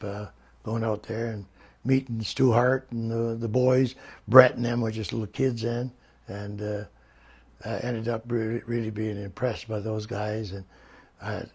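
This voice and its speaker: A man's voice: lowish voice, fairly even intonation, a little slow, gravelly, slightly rough. An older man, a retired wrestler, reminiscing in an interview, rambling through stories and laughing often.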